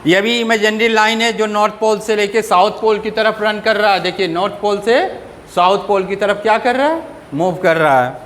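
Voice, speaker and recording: A man teaching a school class, asking questions and answering them himself in a lower voice, and reading English lines out slowly. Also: fairly bright tone, long reverb tail, slight background noise. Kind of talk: classroom lecture.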